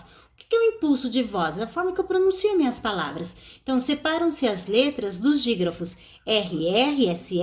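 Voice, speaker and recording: A woman teacher from Brazil with a Brazilian Portuguese accent, giving a recorded online lesson and explaining step by step, stressing each example word. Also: a little high.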